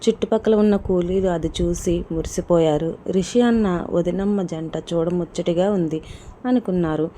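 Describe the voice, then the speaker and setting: A woman reads a dramatic story aloud in a scripted narration style. Her voice sits low with a mellow, dark tone, over a faint hum of background ambience. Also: moderate pace.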